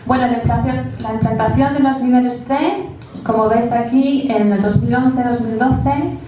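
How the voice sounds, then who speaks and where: A woman's voice: on the high side, fairly even intonation, normal speed, lo-fi sound. Echoey, distant woman with English-accented Spanish. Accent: English-speaking, non-native Spanish. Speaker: English teacher presenting at a conference. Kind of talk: informal conference presentation. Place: large echoey indoor room. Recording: very echoey room, distant mic, faint noise.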